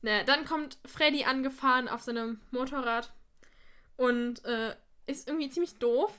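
Bright, high-pitched young-sounding woman. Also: moderate pace, smooth. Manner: retells scenes with acted quotes and frequent laughter. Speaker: podcast co-host. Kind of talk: casual chat recapping an episode.

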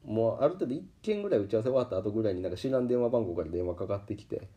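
A man with a Kansai accent hosting a podcast, telling a story in a casual, animated way and acting out the people he quotes. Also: lowish voice, rapid-fire, dull audio. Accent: Kansai Japanese. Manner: animated, acts out quoted voices. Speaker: podcast host. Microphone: podcast microphone.

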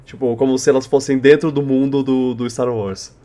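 A young man with a Brazilian Portuguese accent hosting a casual podcast, speaking in a halting, rambling way and often repeating words. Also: medium pitch, little pitch movement, mellow. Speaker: podcast host. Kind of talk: casual unscripted podcast chat.

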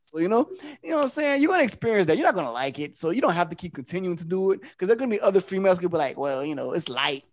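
A man's voice: high-pitched, sing-song, rapid-fire, no room sound. A man in his thirties, a podcast guest, talking in a casual, profane, laughing way and telling stories. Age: 30s. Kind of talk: casual chat.

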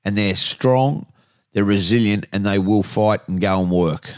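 An Australian man presenting regional radio in a lowish, smooth voice. He is conversational and emphatic, circling back over his phrases, and the sound is close and dry. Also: a little slow, no echo. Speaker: radio host. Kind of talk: regional radio interview and announcements.

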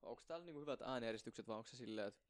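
A young man co-hosting a casual podcast, joking and bantering playfully. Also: mid-range voice. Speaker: podcast co-host.

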